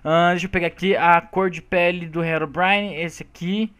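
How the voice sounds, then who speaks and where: A man co-hosting a gaming video, chatting casually and excitably with his partner while they build. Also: high voice, moderate pace, clear, resonant tone. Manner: excitable, pleading and laughing. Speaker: gaming channel co-host. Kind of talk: casual gameplay banter.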